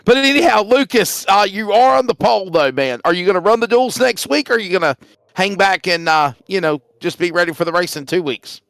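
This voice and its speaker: Teasing gravelly male race host. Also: high voice, fairly quick, a bit bright, no echo, studio quality. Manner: teasing, chatty, laughs easily. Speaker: racing broadcast host. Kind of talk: casual race broadcast interview.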